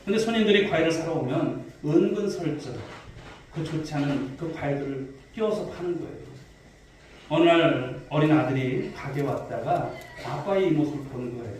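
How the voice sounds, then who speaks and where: A male pastor delivers a sermon, fairly high in pitch, with a mellow, warm tone. He asks the congregation questions and tells stories. The recording is very echoey and sounds distant, like a mic far back in a big church sanctuary. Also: moderate pace, slight background noise. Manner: preaching to a congregation, posing questions and telling stories. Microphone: distant mic in a reverberant hall.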